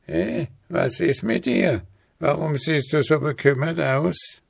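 A man voicing a shrill cackling old hag. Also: expressive, slow, gravelly, breathy edge, no room sound, studio quality, full character voice. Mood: coaxing. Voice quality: high cackle.

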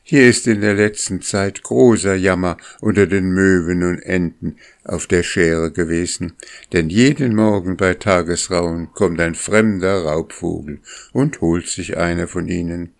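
A man's voice: low voice, unhurried, vocal fry. A man voicing a boastful, gossipy female goose in a storybook reading.

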